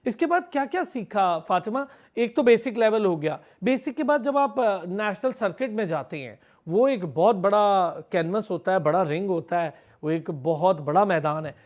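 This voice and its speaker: A man's voice: high-pitched, expressive, moderate pace, few pauses, a little mellow. A man from Pakistan with a Pakistani Urdu accent, interviewing an athlete on a TV sports show in long, multi-part questions full of praise.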